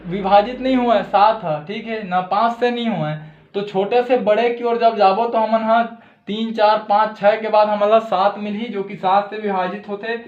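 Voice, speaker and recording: High-voiced Chhattisgarhi man teaching math. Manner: patient, repeats "theek hai" often. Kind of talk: blackboard math lesson. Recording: echoey room, dull lo-fi sound.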